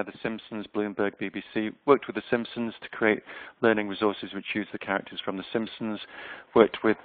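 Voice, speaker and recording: Giving an online presentation, a man in his fifties from Yorkshire, England speaks conversationally in his Yorkshire accent, with frequent ums. His voice sits on the low side. Through a webinar microphone, the audio comes across dry and tinny, like a phone, with no room sound.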